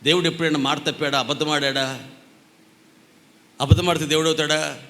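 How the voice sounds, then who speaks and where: Male pastor, high piercing voice, storytelling sermon with sung phrases, echoey hall. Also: fairly even intonation, brisk, bright, forceful tone. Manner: storytelling preacher acting out quarrels, breaking into sung lines.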